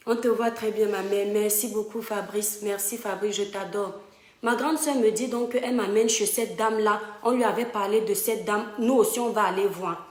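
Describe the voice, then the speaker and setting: A woman from Cameroon, talking directly and emphatically to online followers as she tells a personal story from home. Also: medium pitch. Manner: emphatic, fond, addresses viewers directly. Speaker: live-stream storyteller. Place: home room. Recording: roomy home echo.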